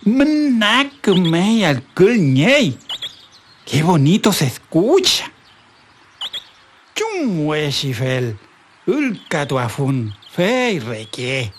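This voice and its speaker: Storybook male fox, voiced by the narrator: sly and envious, very slow drawn-out croon. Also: medium pitch, wildly swooping pitch, a little hiss or hum, full character voice. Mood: admiring. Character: sly lovelorn male fox who envies birdsong.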